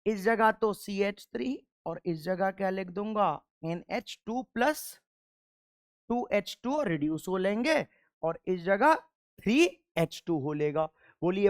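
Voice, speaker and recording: A male chemistry teacher lecturing a class in a smooth, resonant voice. He poses question after question and answers each one himself, and he patiently repeats the key answers for drilling. The sound is dry and close, with no room echo. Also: sits high. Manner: quizzes with rhetorical questions and answers them himself.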